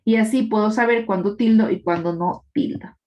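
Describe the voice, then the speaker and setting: A woman's voice: medium pitch, normal speed, dark tone. A woman teacher giving a live online class, explaining patiently and often checking in with her students. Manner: explanatory, checks in with tag questions.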